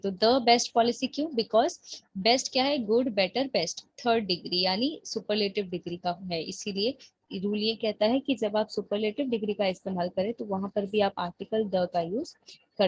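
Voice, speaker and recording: A woman teaching an English grammar lesson, explaining patiently and reading example sentences slowly. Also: medium pitch, breathy edge, no echo. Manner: patient, explains slowly, checks in with the listener often.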